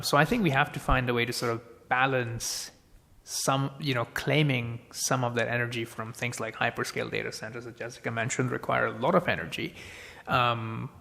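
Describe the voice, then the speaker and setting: A man presenting for an industry group at a committee hearing, answering in a measured, hedging way. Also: medium pitch, creaky, sharp tone. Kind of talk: committee testimony answering questions. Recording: long reverb in a hearing room.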